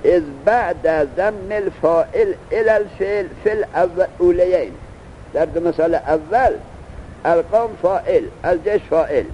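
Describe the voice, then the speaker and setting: A man's voice: high voice, darkish tone, lo-fi sound, a little hiss or hum. A man teaching a grammar lesson, explaining step by step and asking his students questions.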